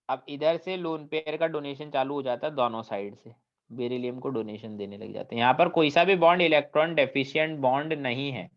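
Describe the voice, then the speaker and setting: A man teaching chemistry in a classroom lecture, asking students questions and mixing English terms into his Hindi. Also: on the high side. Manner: asks the class questions and checks understanding often; mixes English technical terms into Hindi speech. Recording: dull lo-fi recording.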